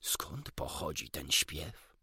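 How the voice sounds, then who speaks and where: Man reading a gentle, kindly doctor. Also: lowish voice, sing-song, unhurried, breathy edge, no room sound, studio quality, heavily acted. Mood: surprised. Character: kind, gentle middle-aged male doctor. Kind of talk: audiobook character reading.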